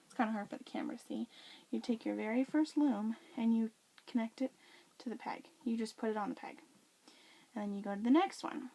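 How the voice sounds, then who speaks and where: A woman's voice: fairly high pitch, darkish tone. A woman practicing a demonstration speech, explaining each step informally and repeating instructions as she works. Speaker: craft demonstrator.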